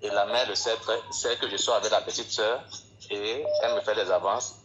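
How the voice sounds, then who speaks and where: A man caller, talking in a flat, low-energy way. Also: a little fast, highs cut off, noisy background.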